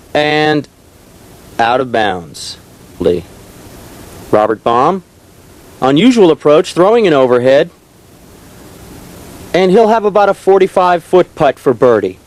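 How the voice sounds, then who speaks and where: A man giving golf-style play-by-play commentary, describing each shot in a measured, descriptive way. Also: on the high side, sing-song, a little mellow, low-quality recording. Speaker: disc golf tournament commentator.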